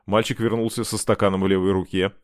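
A man reading a novel aloud as audiobook narrator, measured and dramatic. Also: lowish voice, flat delivery, dry recording, clean studio sound. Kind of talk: scripted narration.

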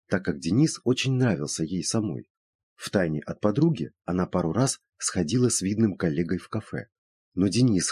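A man reading a novel aloud as narrator, in a steady, measured way. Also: sits low, slightly rough, no room sound. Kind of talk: audiobook narration.

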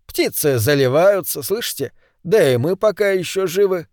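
A man voicing a calm, reflective man who speaks in a measured, gently ironic way. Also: sits high, no room sound, clean studio sound, voice pushed up.

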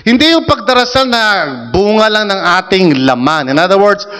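A male pastor preaches in a high, bright voice that carries a long hall reverb. He keeps the sermon conversational, teasing the congregation and asking them questions. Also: normal speed, clear, resonant tone. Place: church hall.

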